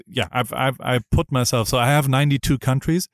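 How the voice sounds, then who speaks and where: With a medium-pitched voice and a steady tone, a middle-aged podcast host speaks briskly and eagerly through a casual interview. His sentences ramble and often restart, and the studio sound is clean with no echo.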